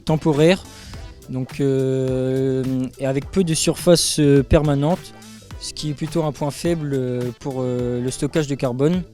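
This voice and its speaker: A man's voice: medium pitch, steady tone, unhurried, warm tone, faint music behind. A young man who studies agriculture, describing his course in a casual testimonial with frequent hesitations. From France. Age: young adult. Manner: hesitant, many fillers. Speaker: agriculture student.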